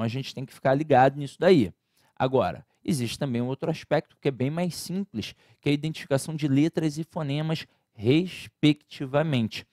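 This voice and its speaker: A man's voice: mid-range voice, darkish tone, no echo. Male teacher, casual exam-prep lecture, chatty and informal, dry close sound. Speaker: Portuguese grammar teacher.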